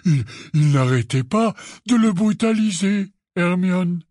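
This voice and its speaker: A man's voice: mid-range voice, slow, darkish tone, no echo, clean studio sound. A man voicing a huge, anxious, tender-hearted half-giant in an audiobook, stammering and pleading. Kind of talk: audiobook character reading.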